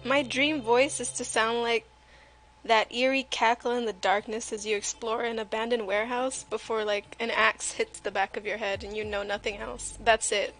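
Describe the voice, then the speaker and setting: With music running in the background, a woman chats and jokes as she draws on her livestream, poking fun at herself playfully. Her voice sits on the high side with little pitch variation, a slightly bright quality, and normal speed. The recording is rough.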